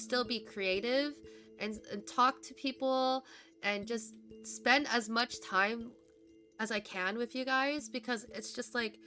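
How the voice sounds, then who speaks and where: A woman's voice: mid-range voice, pushed and bright. A young adult woman streaming live, talking casually and from the heart, rambling with many fillers and restarts and close to tears. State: emotional, holding back tears.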